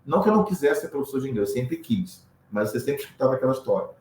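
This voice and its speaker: A man from Brazil speaks as an English teacher in a relaxed interview, mid-pitched and steady. He walks through learners' mistakes, acting out the sounds and checking in with quick tag questions. His voice carries a roomy echo over faint background noise. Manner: explanatory, demonstrates pronunciations, frequent tag questions. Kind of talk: casual interview explanation.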